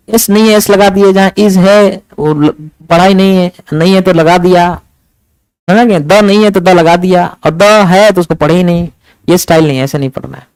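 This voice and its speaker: A man teaching English to a class, lecturing in a lively way and often asking the students questions. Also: high-pitched, smooth, no room sound, rough recording. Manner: animated, asks the class questions.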